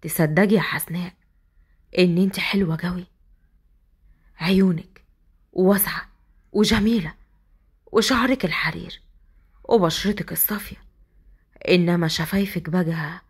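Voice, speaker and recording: A woman voicing a drunk, domineering young husband, speaking in a low, slow murmur. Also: slightly rough. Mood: leering.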